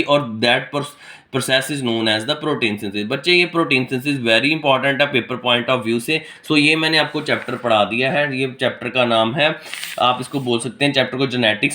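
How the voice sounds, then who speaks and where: A male tutor gives a recorded lecture in a bright, somewhat tense voice. He poses questions to his students and answers them himself, with frequent fillers and restarts. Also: mid-range voice. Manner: explains by asking and answering his own questions, many fillers. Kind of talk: recorded lecture mixing Hindi and English.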